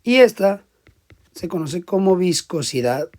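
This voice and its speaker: A male teacher lectures in a voice that sits a little high. He works through each step and keeps turning to the class with short questions. His volume swings from loud emphasis to quiet asides. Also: sing-song, unhurried. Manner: explains step by step, checks in with frequent questions to the class.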